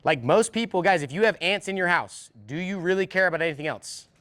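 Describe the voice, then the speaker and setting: A man with a slightly high voice rattles through a sales training at a rapid clip. He hammers points home by repeating them and acts out quick dialogues with customers. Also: expressive, a bit bright, clear, resonant tone. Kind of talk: energetic training talk.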